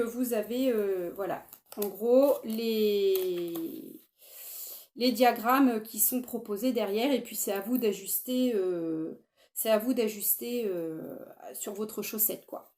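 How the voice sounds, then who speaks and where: Chatty enthusiastic woman, mellow voice. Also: medium pitch, takes it slowly. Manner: chatty, enthusiastic, many fillers and restarts. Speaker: knitting podcaster. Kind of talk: casual chat to camera.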